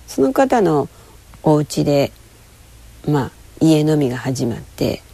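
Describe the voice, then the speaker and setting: A woman chatting casually to camera, rambling and telling a story with lively, acted-out quoted voices. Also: deep voice, takes it slowly, no room sound. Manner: lively, rambling, with frequent fillers.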